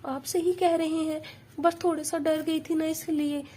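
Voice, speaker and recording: A woman's voice: high-pitched, level tone, a little slow, warm tone, a little hiss or hum. A woman voicing a mother doll in a doll play story, talking in a busy, motherly and urgent way.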